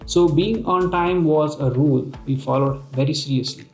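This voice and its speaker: A man with an Indian accent narrates a travel vlog conversationally, like he is telling friends a story. His voice sits a little high with noticeable creak. It was recorded in a roomy space with echo. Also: moderate pace, darkish tone. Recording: roomy echo, music bed. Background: music.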